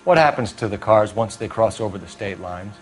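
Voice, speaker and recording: A man's voice: fairly low pitch, animated, a little fast, soft background music, close to an everyday voice. A man playing a hard, accusatory American police detective questioning a suspect in a video game. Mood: low menace. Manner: accusatory, menacing, clipped. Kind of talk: dramatic video game interrogation acting.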